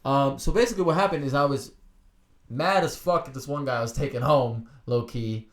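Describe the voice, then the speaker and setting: A man's voice: mid-range voice, a little fast, slight background noise. A young man co-hosting a casual podcast, telling crude, rambling stories with lots of laughter. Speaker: podcast co-host.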